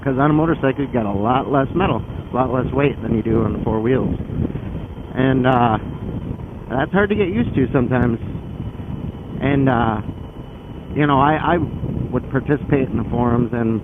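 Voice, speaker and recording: A man's voice: mid-range voice, moderate pace, pauses often. Man vlogging through thin, very noisy audio. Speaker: motorcycle vlogger. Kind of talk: casual explanatory vlog while riding. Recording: phone-like band, loud wind and engine noise. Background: loud vehicle and outdoor noise.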